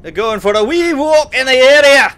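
A man's voice: very high-pitched, expressive, moderate pace, a bit bright, pitched above the performer's own voice. A man putting on a jokey Scottish brogue. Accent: mock Scottish.

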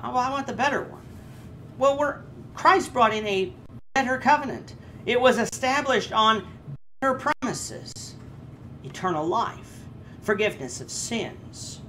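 A man's voice: unhurried, long pauses, slight background noise. A man in his thirties teaching a Bible class, earnest and explanatory, with frequent hesitations. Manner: earnest, with lively rises in pitch and frequent hesitations. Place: indoors before a red curtain. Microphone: camera framed chest-up.

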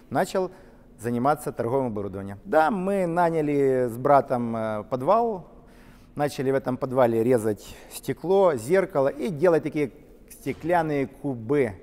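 A middle-aged man, a company co-founder, telling his story in an interview, lively and gesturing as he walks through large factory halls. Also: mid-range voice, in a large hall. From Ukraine. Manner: animated, gesturing while walking and talking. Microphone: camera-mounted shotgun mic.

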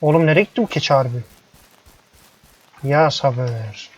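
A slightly rough, medium-pitched voice belongs to a young YouTuber doing casual let's-play commentary of a ranch game. He speaks a little slowly, grumbling in frustration at the animals. The dull lo-fi headset mic picks up faint noise.

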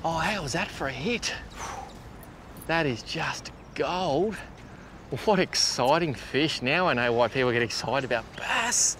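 Excitable Australian fishing host on a boat. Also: male voice, on the high side, a little slow, background noise. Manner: excitable, laughs often, lively banter. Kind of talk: casual outdoor fishing commentary. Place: on a boat on a river outdoors.

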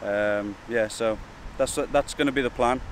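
A man, talking casually and a little hesitantly to camera as a wildlife vlogger, outdoors beside rushing water. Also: medium pitch. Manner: informal, hesitant and chatty. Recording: outdoor wind, rushing water and traffic noise.

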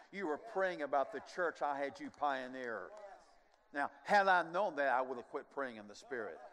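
An older man with a voice on the high side preaches a sermon as pastor on a large church stage. He is animated and moving, occasionally dropping to quiet asides, and the sound carries the long reverb of a church hall.

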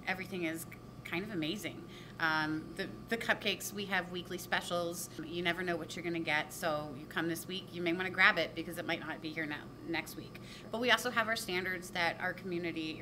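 A woman who co-owns a bakery, talking in a warm, chatty way in an interview inside her shop. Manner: warm and chatty, laughs easily. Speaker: bakery co-owner. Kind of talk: casual interview. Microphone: handheld reporter mic. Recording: noticeable background rumble.

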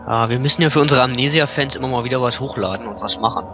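A man's voice: mid-range voice, rapid-fire, lo-fi sound, over music. A man co-commenting on a horror game, chatty and explaining things at length. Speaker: let's play co-commentator. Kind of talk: casual gaming commentary.

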